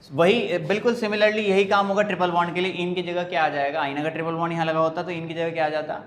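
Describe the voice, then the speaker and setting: A man's voice: on the high side, fairly even intonation, quick pace. Man teaching chemistry in an echoey room. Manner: asks questions and answers them himself, counts carbons aloud. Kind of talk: classroom lecture, explaining step by step. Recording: echoey room with faint background hiss.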